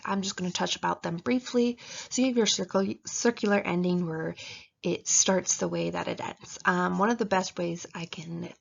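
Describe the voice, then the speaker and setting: A woman's voice: on the low side, creaky, slightly rough. A woman giving casual writing advice in a chatty way, with lots of fillers, and acting out how readers react. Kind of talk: casual instructional talk. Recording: dull lo-fi recording.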